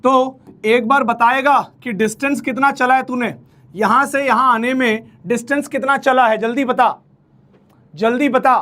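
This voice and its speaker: High-pitched male teacher, coaxing. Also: steady tone, normal speed, bright, forceful tone. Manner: familiar, coaxing, repeats key phrases, talks to student as "beta" and "bhai". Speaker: physics teacher. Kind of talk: online exam-prep lecture.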